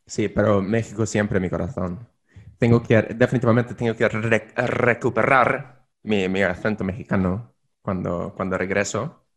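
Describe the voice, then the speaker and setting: Co-hosting a laid-back language-learning podcast, this man keeps the chat playful, dropping slang from both Spain and Mexico and frequently restarting his phrases. His pitch is fairly low and he talks at a normal speed.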